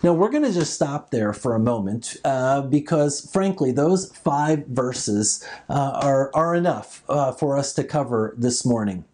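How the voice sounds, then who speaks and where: A preacher speaks in a dark, relaxed voice at a middle pitch. The delivery is that of a sermon that moves between scripture and explanation, restating each idea in several ways. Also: measured pace.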